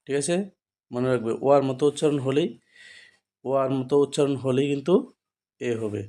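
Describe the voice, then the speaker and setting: A man's voice: mid-range voice, fairly even intonation, brisk, dark tone. A man with a Bengali accent teaching an English grammar lesson. He repeats each rule and keeps asking questions to check that students follow. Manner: repetitive, checks understanding with frequent rhetorical questions. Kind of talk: classroom-style grammar lesson.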